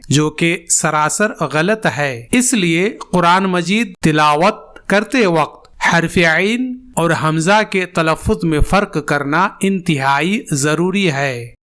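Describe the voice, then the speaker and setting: A teacher giving a tajweed lesson, speaking slowly and deliberately, spelling out letters and modelling sounds for the learner to repeat. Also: medium pitch, fairly bright tone, smooth. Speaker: Quran pronunciation teacher. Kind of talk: tajweed lesson with repetition drills.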